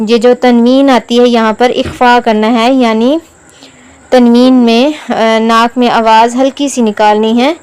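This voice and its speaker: Woman reading teacher, letter-by-letter drilling, very clear, high-pitched. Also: steady tone, darkish tone. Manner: drills each letter and vowel mark, then blends the syllables; quicker, lower explanatory asides between drills. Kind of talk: slow spelled-out recitation lesson.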